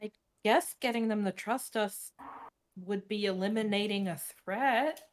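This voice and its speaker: A woman's voice: mid-range voice, a little slow, a little hiss or hum. A woman playing a tabletop game, hesitant and questioning as she speaks. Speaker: player. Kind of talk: tabletop role-play.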